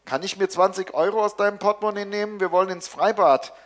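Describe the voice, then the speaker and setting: A man voicing a teenage daughter in a comic novel reading, talking quickly and casually. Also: high-pitched, steady tone, voice pushed up, lightly acted. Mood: breezy. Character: pushy teenage daughter asking for money.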